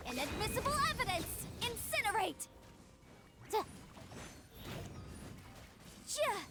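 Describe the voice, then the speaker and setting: Very high-pitched spirited game heroine. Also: female voice, very animated, takes it slowly, bright, forceful tone, heavily acted. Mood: spirited, commanding. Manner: short emphatic exclamations. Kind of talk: video game combat barks. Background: game music.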